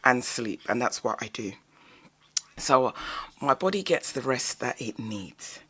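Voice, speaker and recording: A woman's voice: rumbling low, lively intonation, a little slow, fairly bright tone, slightly rough. A woman hosting a radio talk show, speaking in a bubbly, lilting way with frequent fillers.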